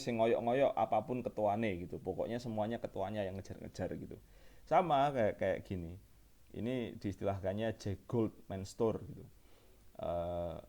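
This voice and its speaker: Man, young adult, casual lecture, rambling fillers, low pitch, mellow tone. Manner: loose, chatty explaining with frequent fillers and restarts.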